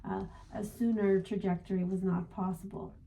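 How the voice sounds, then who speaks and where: A woman channeling a gentle male spirit guide as a seance medium, speaking formally and ending phrases with a questioning "yes?". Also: mid-range voice, little pitch movement, normal speed, gravelly, close to an everyday voice, low-quality recording. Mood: gentle, assured. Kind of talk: spiritual guidance in trance channeling session.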